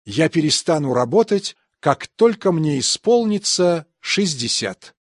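Here a man with a fairly high voice works through scripted example sentences for a language course, taking his time. Each translated phrase comes out evenly and carefully enunciated. The audio is studio grade and free of echo.

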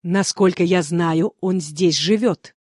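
A woman repeating example sentences calmly and carefully for a language course. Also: fairly low pitch, takes it slowly, no echo, studio quality. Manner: calm, careful enunciation. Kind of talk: scripted phrase reading.

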